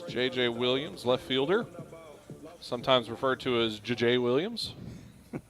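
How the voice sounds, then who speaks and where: A man calling baseball play-by-play from a stadium press box, upbeat and quick to laugh. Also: medium pitch, lively intonation, a bit bright, soft background music. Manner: upbeat, laughs easily, reads sponsor spots. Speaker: play-by-play announcer.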